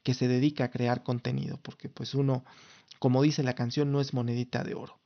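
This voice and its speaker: A Mexican man in his thirties from Mexico City hosts his own casual solo podcast, speaking Mexican Spanish in a formal, lawyerly manner and often restarting sentences. His mid-range voice is creaky, fairly quick and barely moves in pitch, and the sound is lo-fi.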